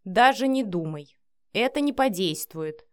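A woman's voice: medium pitch, lively intonation, unhurried, lightly acted. Woman doing a flustered hungover young man. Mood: irritated.

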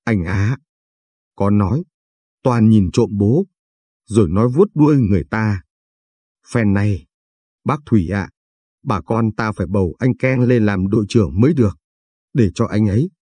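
Guy reading as a teasing young village gal, playful, dark mellow tone. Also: lowish voice, lively intonation, moderate pace, long pauses, breathy edge, no echo. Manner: playful, needling.

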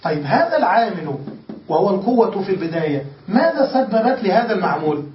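High-voiced male teacher, echoey and distant. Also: big pitch swings, fast. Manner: asks questions and answers them himself. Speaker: Islamic grammar teacher. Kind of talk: classroom lesson on Arabic grammar. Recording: echoey, distant, dull lecture recording with faint hiss.

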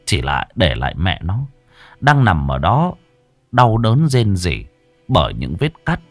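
A man narrating a dark story in a vivid, emphatic storytelling style. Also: low voice, huge pitch swings, a little slow, no room sound, faint music behind. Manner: vivid, emphatic, rising with the action. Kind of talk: dramatic horror-story narration.

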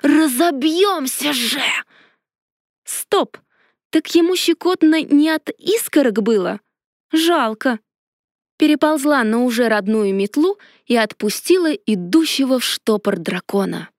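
A woman giving a lively, expressive first-person audiobook narration. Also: on the high side, moderate pace, hardly any pauses, no echo, clean studio sound.

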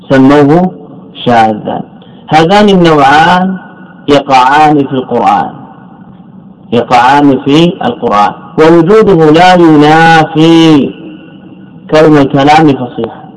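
Man, sheikh lecturing, raised pitch, rhetorical questions, repeats key words, drops low to stress points. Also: rough recording. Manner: asks the class questions and answers them himself, repeats key words. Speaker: sheikh teaching Arabic morphology. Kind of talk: classroom lecture, explaining a text.

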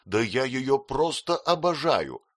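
A man's voice: medium pitch, very animated, slow, a bit bright, no echo, studio quality, voice pushed up, heavily acted. A man doing an earnest young lover. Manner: fervent, earnest protests.

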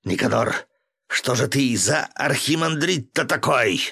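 A man voicing a hot-tempered military governor who shouts and blusters threats at a closed gate in an audiobook. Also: fairly high pitch, very animated, measured pace, slightly rough, no echo, pitched above the performer's own voice, full character voice. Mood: furious shouting. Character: quick-tempered male military governor, middle-aged, blunt.

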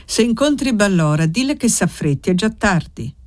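A woman reading aloud voices a kindly old village aunt who speaks gently and affectionately. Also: medium pitch, expressive, normal speed, dry recording, clean studio sound, natural voice.

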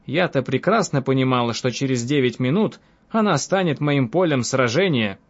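A man's voice: mid-range voice, animated, normal speed. A man voicing a cunning, bold young woman who tells her escapade with mocking self-assurance. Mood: amused scheming. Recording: dull lo-fi audiobook with faint music.

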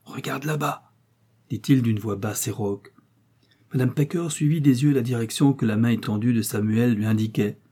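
Guy reading a classic novel aloud, husky and mellow, steady measured pace. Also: mid-range voice. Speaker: audiobook reader. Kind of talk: scripted narration.

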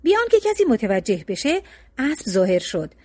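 A woman storyteller reads a folk tale aloud with an expressive, lilting delivery. Her fairly high voice swoops through a very lively melody. The recording is dry and close, with no room sound. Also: no echo. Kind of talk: storybook reading.

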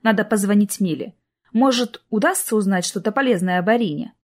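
A woman narrating a novel in an even storytelling manner. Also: medium pitch, brisk. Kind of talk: audiobook narration.

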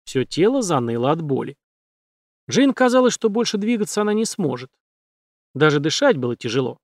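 Man narrating a dark audiobook. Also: a little high, brisk, no echo, clean studio sound. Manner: steady, dramatic reading. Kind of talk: scripted narration.

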